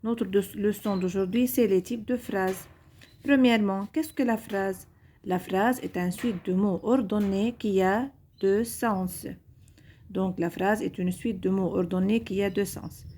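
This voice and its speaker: A young woman teacher giving a recorded grammar lesson to pupils, repeating each point in a slow, deliberate way. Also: mid-range voice, fairly even intonation, dark tone, a little hiss or hum.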